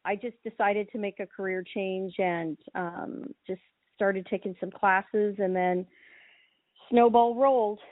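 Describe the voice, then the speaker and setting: A middle-aged woman from Hawaii, a winemaker chatting casually in an interview, relaxed with many ums and restarts. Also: mid-range voice, unhurried, dry recording. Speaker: winemaker guest. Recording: thin phone-like line, dry.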